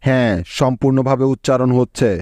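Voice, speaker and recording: A man teaching English reading and spelling step by step in a slow, patient lesson, often checking that the learners follow. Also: mid-range voice, completely flat delivery, a little mellow, no echo, clean studio sound.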